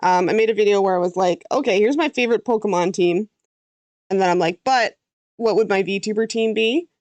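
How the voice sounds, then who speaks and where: A mid-range, slightly mellow voice comes through a dry, muffled recording, speaking a little fast. It belongs to a Canadian woman, a VTuber artist chatting casually as she draws on stream, thinking aloud and trailing off mid-sentence.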